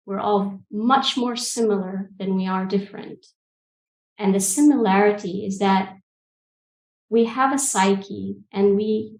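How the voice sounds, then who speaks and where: A woman in her forties, from Egypt and the UK, answers interview questions in a calm, reflective manner, pausing often. She talks through an earbud mic on a video call. Her voice is a little gravelly and the room sounds echoey. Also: medium pitch. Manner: thoughtful, calm, hesitant with ums. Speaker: guest coach. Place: room with bookshelves. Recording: roomy video call audio.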